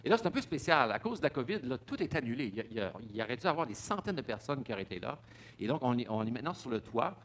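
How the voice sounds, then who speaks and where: A man's voice: mid-range voice, very animated, racing, a little hiss or hum. A man giving a public talk, stumbling over repeated words and fillers. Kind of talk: public lecture with slides.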